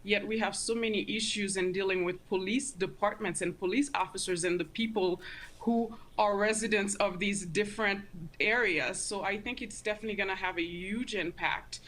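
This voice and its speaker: A woman's voice: mid-range voice, normal speed, a bit bright. Earnest woman giving interview commentary. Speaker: interview guest, community advocate.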